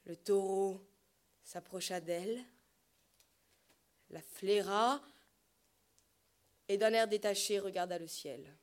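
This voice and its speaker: Lady reading an audiobook real slow, measured, trails off quiet. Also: mid-range voice, steady tone. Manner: slow, measured, dropping soft at phrase ends. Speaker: narrator. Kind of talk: audiobook narration of a novel.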